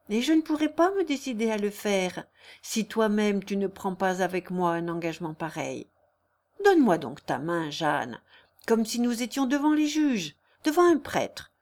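A woman's voice: lowish voice, a little mellow. A woman voicing an earnest young male lawyer who pleads tenderly and solemnly in a read-aloud novel.

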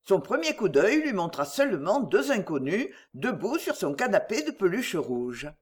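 A narrator reading a novel aloud in a measured, expressive storytelling voice. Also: medium pitch, husky.

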